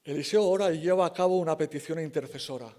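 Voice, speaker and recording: Emphatic preacher man, higher-pitched. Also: quick pace, dark tone. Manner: emphatic, conversational, self-correcting, acts out quoted lines. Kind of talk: sermon. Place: church.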